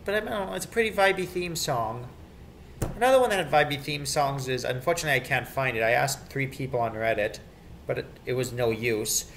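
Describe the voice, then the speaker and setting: A video creator with a creaky, mid-range, slightly bright voice talks fairly quickly in a casual rant about children's TV theme songs, full of opinions and repetition. Some background noise is audible in the amateur home recording.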